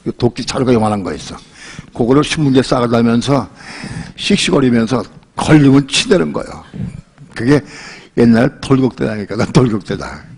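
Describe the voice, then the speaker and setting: An older male pastor with a husky, slightly breathy voice at an ordinary middle pitch. He preaches in a loose, chatty way, spins personal stories, quotes other people's voices and laughs along at his own anecdotes. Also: animated, normal speed, a little mellow. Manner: colloquial storytelling, acts out quoted voices and laughs often. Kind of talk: sermon with personal storytelling.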